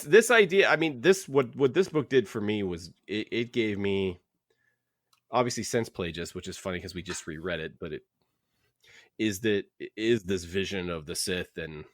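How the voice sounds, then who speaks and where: A man with a deep, slightly bright voice co-hosts a casual book-discussion podcast, rambling and restarting sentences as he thinks aloud. The studio-quality recording has no echo.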